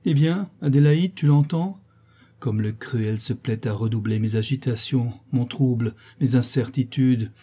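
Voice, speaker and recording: Heartbroken young woman, reproachful, anguished, higher lifted pitch, husky timbre, voiced by a man. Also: unhurried, dark tone. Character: tearful young woman, wounded and pleading.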